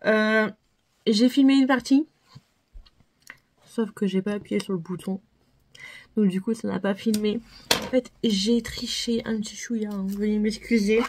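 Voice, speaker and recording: A woman's voice: mid-range voice, steady tone, measured pace, pauses often, darkish tone. A woman vlogger chatting casually through a makeup tutorial, self-deprecating and full of fillers and repeated words. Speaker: beauty vlogger.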